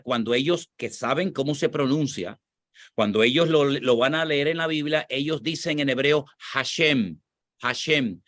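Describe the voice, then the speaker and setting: A Spanish-accented man from Spain, a pastor, explains scripture and answers questions in a teaching tone, repeating his points for emphasis. His voice is on the high side and a bit bright. The recording is studio quality with no echo.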